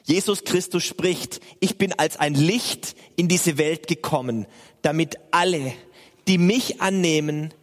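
A pastor preaches with slow, earnest questions to his listeners. His voice carries a long reverb from a church hall. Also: fairly high pitch. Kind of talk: sermon.

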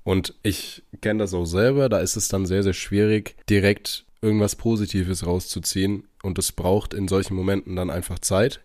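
A man's voice: sits low, little pitch movement, moderate pace, hardly any pauses, a little mellow, dry recording, clean studio sound. A man hosting a motivational podcast, speaking directly to the listener in an exhorting way. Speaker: podcast host.

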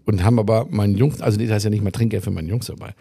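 A man with a rough, gravelly voice and some breath in it tells a story in a casual podcast chat. He is recorded close and dry, swears freely and acts out the other people in his story. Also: fairly low pitch, very fast, warm tone, dry recording. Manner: acts out dialogue in his anecdotes. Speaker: podcast co-host.

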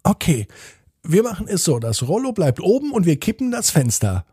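A stubborn young boy in a storybook, voiced by a man. He talks firmly and insists on getting his way, in a raised, husky voice with a dry, close sound. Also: high voice, huge pitch swings, moderate pace, dry recording, pitched above the performer's own voice, exaggerated voice. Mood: agreeable. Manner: firm, insistent.

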